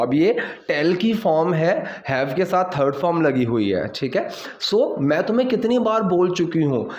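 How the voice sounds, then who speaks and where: A man teaching English, quickly explaining things and then reading English lines slowly and deliberately. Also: on the high side. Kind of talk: bilingual language lesson. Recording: roomy, slightly dull home recording.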